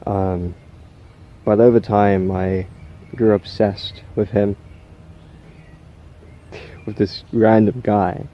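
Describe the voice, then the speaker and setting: Man playing a slow, halting, unhinged killer. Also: fairly low pitch, steady tone, dull audio. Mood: wistful, halting. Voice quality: trouble pronouncing R's. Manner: halting, rambling, stammering, with odd chuckles. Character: unhinged, socially awkward male killer confessing to camera.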